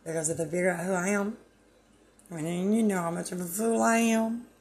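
A woman's voice: on the low side, fairly even intonation, fairly quick, darkish tone. A woman host delivering a rambling, preachy spiritual monologue on her own channel, meandering and self-deprecating.

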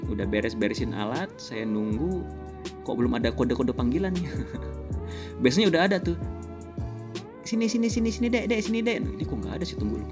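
A man, hosting a podcast and telling a personal story in a casual, animated way, chuckling often. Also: on the high side. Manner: animated, chuckles often, acts out quoted voices. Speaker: podcast host.

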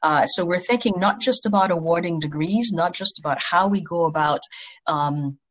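A university president from Haiti gives thoughtful, earnest and measured interview answers in formal academic language. The voice is medium in pitch with a fairly bright tone.

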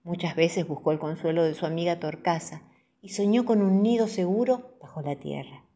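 An Argentine woman narrating children's stories with a soft, expressive reading voice. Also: lowish voice, normal speed. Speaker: storyteller.

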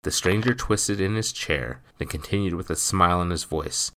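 A man reading a story aloud as narrator, with an expressive, dramatic delivery. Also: deep voice, moderate pace, a little hiss or hum.

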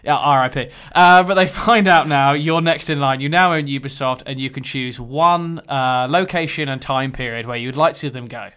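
An easygoing man co-hosting a gaming podcast in casual chat. He laughs often and steers the conversation into each new segment. His voice sits at a middle pitch. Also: normal speed, hardly any pauses, sharp tone, clear, resonant tone. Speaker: podcast co-host.

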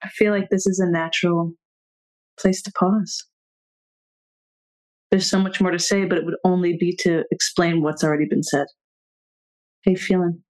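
A woman's voice: lowish voice, level tone, normal speed, pauses often, a little mellow, poor audio. A woman hosting a podcast, closing a heartfelt conversation with her guest. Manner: heartfelt, searching for words. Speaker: podcast host. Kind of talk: emotional conversation.

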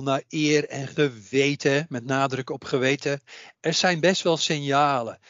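A man's voice: mid-range voice, a bit bright, dry recording. Earnest Dutch-speaking man, muffled and dry. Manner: earnest, repeats phrases while making a point. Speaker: psychic medium, podcast guest. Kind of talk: casual podcast conversation. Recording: dull, muffled audio.

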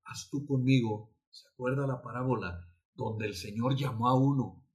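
A man preaching a sermon as pastor, emphatic and repetitive, with sudden loud outbursts. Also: medium pitch, moderate pace. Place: church altar.

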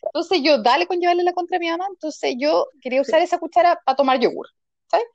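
A woman with a Chilean accent, co-hosting a casual chat and telling an expressive, giggly childhood story. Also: very high voice, fast talker, no echo, lo-fi sound. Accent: Chilean Spanish. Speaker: podcast co-host.

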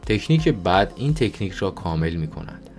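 Deep-voiced man reading an audiobook. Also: sing-song, a little mellow, soft background music. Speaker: audiobook narrator. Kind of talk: audiobook narration.

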